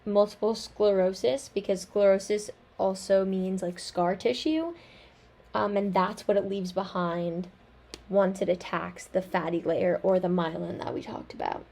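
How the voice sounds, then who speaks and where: A woman's voice: mid-range voice, steady tone, a little slow, creaky, dark tone. A young woman giving a class presentation, talking casually with frequent ums and likes. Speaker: student presenter.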